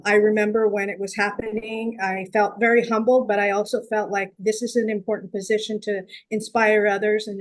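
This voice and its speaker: Woman from San Jose, earnest reflective guest, mid pitch. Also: poor audio. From San Jose, California. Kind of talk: interview conversation.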